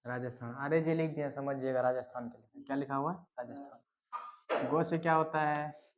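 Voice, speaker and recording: A man's voice: mid-range voice, fairly even intonation, a little fast. A male teacher giving a general knowledge lesson, quizzing students and repeating the answers to drill them in. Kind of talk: classroom lesson with memory tricks. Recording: dull lo-fi recording.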